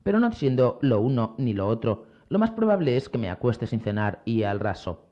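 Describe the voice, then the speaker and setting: Guy doing a hot-headed musketeer officer, boastful, lively swings, dull lo-fi sound. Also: medium pitch, moderate pace, close to an everyday voice. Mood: wry. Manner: defiant, boastful, sharp-tongued. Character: bold proud male musketeer lieutenant, quick-tempered. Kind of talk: audiobook character reading.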